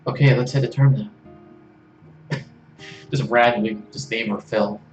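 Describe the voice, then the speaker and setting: A man's voice: medium pitch, fairly even intonation, moderate pace, distant mic, lo-fi sound. A man streaming a video game, chatting casually with jokes and self-deprecating asides. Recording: roomy room, faint game music.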